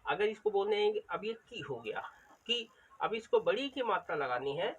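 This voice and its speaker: A man's voice: high voice, sing-song, slightly rough. A man teaching a Hindi vowel lesson, drawing out and repeating the vowel sounds. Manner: slow, drawn-out vowel drills, repeating sounds. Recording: dull lo-fi recording with faint background noise.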